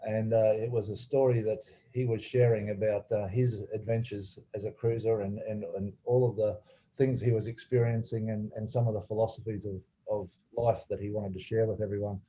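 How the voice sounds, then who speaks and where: A man hosting a webinar, introducing guests in a halting way with many fillers and restarts. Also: fairly low pitch, flat delivery, dark tone. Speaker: webinar host. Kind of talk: webinar presentation. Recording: slightly dull video call audio.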